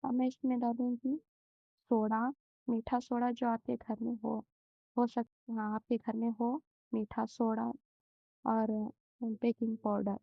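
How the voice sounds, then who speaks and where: A young woman talks through a recipe slowly and gently, pausing often. Her fairly high voice stays flat and carries a gravelly fry. The recording is dry and muffled, as if from a home kitchen. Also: no echo. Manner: slow, gentle, many hesitations. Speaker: home cooking channel host. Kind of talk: step-by-step recipe demonstration.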